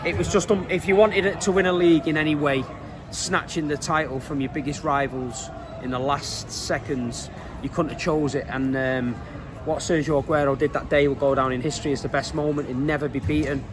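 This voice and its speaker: A man's voice: a little high, steady tone, fairly quick, noisy background. A man with a Manchester accent giving a casual, earnest interview as a football fan, using colloquial, emphatic phrasing.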